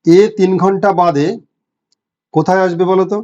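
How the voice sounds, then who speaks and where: Bengali-accented male tutor, mellow, slightly high voice, lo-fi audio, patient step-by-step explainer. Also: fairly even intonation. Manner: explains step by step, reads questions slowly in English. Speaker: teacher. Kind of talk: online exam-prep class. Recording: dull lo-fi audio.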